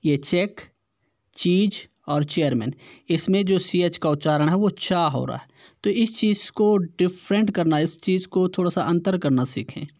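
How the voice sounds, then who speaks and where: A man teaching an exam-prep lesson, reading test questions aloud slowly and repeating words to show their pronunciation. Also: high voice, a little mellow, no echo.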